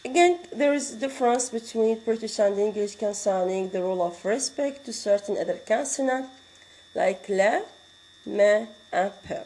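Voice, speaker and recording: Woman teacher, Arabic accent, mellow voice, patient and repetitive lecture delivery. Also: medium pitch, rough recording. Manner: explains slowly, repeating words and reading out examples; switches into Arabic to explain. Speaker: English grammar teacher. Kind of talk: classroom lecture.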